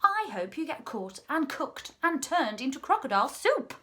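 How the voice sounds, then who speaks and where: A woman's voice: fairly high pitch, big pitch swings, slow pace. A woman voicing an outspoken, easily horrified female animal in a children's story, with raised, emphatic exclamations. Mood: indignant.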